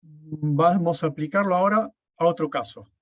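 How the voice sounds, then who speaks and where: A man's voice: fairly high pitch, normal speed, dry recording. A man, lecturing an online class, explaining step by step and often checking with "¿sí?". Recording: dull, dry lo-fi sound.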